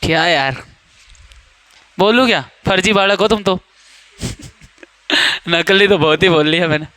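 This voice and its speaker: Young male coaching-class teacher, high clear voice, playful and teasing with students, dry classroom sound. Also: takes it slowly, bright, forceful tone, dry recording. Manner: joking, teasing students, quizzing them by name. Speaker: English teacher. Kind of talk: classroom grammar lesson.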